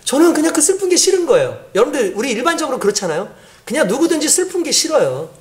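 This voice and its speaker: A man's voice: very high voice, quick pace. A pastor preaching a sermon in a conversational way, asking the congregation questions and acting out the voices of people in his stories. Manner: animated, acts out quoted voices.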